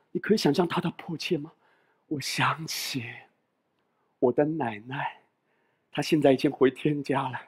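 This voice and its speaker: A man pastor preaching a sermon in a lively, conversational way, acting out little voices and asides along the way. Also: fairly high pitch, breathy edge.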